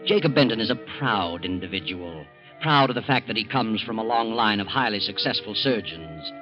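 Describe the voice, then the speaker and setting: A man playing an ominous, all-knowing night storyteller in 1940s American radio mystery narration, theatrical and measured. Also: lowish voice, expressive, close to an everyday voice. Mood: dry storytelling. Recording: dull old radio, music behind.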